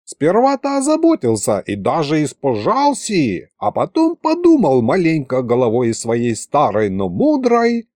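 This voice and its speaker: A man doing a slow, crafty old grandpa. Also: a little high, wildly swooping pitch, mellow, dry recording, clean studio sound. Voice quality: slow, drawling folksy speech.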